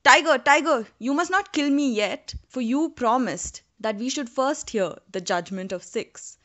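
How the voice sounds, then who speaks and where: A woman's voice: fairly high pitch, expressive, measured pace. A woman voicing a frightened male Brahmin who pleads for his life in a folktale. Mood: pleading. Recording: dull lo-fi recording.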